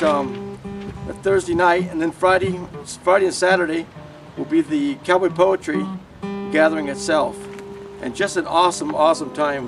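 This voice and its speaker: A man informally announcing an event as its organizer, in a halting way. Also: on the high side, gravelly. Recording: distant mic, music behind. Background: plucked guitar music.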